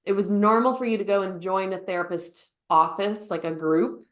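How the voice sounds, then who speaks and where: Woman, 30s, podcast guest, lively storyteller, playful, middle pitch. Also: normal speed. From United States. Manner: lively storyteller who acts out quotes with laughter. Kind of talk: conversational storytelling interview.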